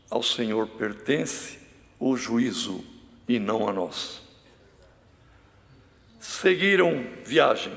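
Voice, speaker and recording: Man, preacher, sermon, slow halting delivery, gravelly, long hall echo. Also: mid-range voice. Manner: slow, halting delivery with frequent address to the brethren. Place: church hall.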